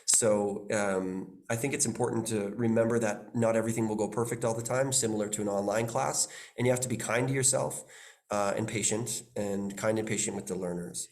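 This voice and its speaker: A man's voice: fairly low pitch, steady tone, brisk, darkish tone. A man language instructor giving advice in a webinar, often repeating words as he searches for phrasing. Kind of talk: webinar presentation.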